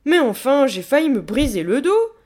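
A woman putting on a bossy, blustering gorilla with a lively voice. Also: a little high, moderate pace, voice pushed up. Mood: indignant. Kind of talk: storybook reading.

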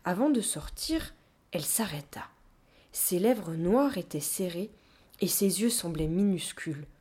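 A woman reading a first-person children's novel aloud, hushed and tense, often dropping near a whisper. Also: fairly low pitch, expressive, unhurried, husky. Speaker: audiobook narrator. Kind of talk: scripted first-person narration.

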